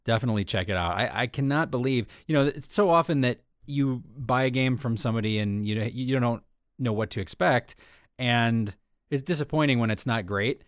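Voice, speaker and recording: In clean studio sound with no echo, a podcast co-host speaks fairly quickly at medium pitch. He chats casually on an entertainment podcast, rambling with lots of fillers.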